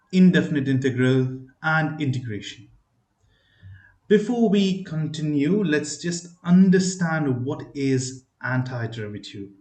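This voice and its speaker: A man's voice: mid-range voice, a little mellow. Man teaching math in an echoey room. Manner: talks through steps, asks the listener checking questions. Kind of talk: explaining a math lesson.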